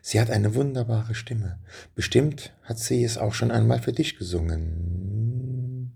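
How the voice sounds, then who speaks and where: A man's voice: mid-range voice, measured pace, creaky, dark tone, slightly rough, exaggerated voice. A man reading a storybook, voicing a brave young boy who speaks in an earnest, pleading way. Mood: hopeful.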